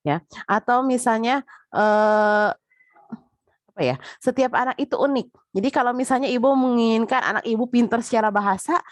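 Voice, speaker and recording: A woman's voice: fairly high pitch, dry recording. A woman giving a casual spoken lecture, chatty, with frequent filler tags, talking straight to her listeners.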